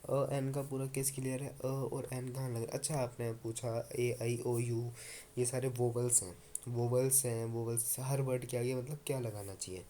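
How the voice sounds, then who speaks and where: A man's voice: mid-range voice, flat delivery, normal speed, warm tone, a little hiss or hum. A man teaching English grammar in Hindi, coaxing and repeating his points patiently. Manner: coaxing, repeats points, calls students "babu". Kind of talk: Hindi-language grammar lesson.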